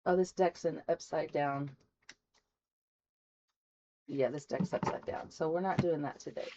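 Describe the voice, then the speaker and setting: A woman's voice: sits low, unhurried, warm tone, muffled recording, a little hiss or hum. A woman giving a rambling, folksy spiritual tarot reading to her viewers. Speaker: tarot reader. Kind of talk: casual spoken tarot reading.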